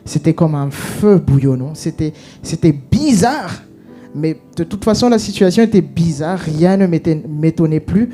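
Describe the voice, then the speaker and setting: A man giving an emotional personal testimony, halting with many restarts and fillers, acting out what was said. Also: a little high, animated, dark tone, faint music behind.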